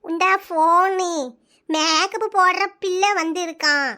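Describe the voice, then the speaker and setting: A woman voicing a slow, muddled old village grandmother in a cartoon, with a southern Tamil Nadu accent and a drawling way of talking. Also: extremely high pitch, fairly even intonation, sharp tone, voice pushed down, heavily acted. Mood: doting. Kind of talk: cartoon voice acting.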